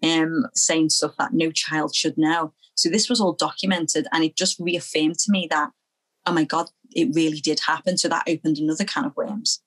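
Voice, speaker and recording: A young woman from Liverpool, speaking as an interview guest, earnest and halting, often repeating phrases as she recalls her past. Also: low-pitched, fairly even intonation, a bit bright, poor audio. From Liverpool, England. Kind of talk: personal testimony in an interview.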